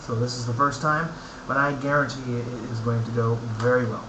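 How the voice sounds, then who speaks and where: A man talks through a casual product review in an echoey room with clear background noise. His voice sits at a middling pitch. He speaks haltingly and thoughtfully, pausing between short phrases as he works out what to say. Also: steady tone. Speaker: pipe tobacco reviewer.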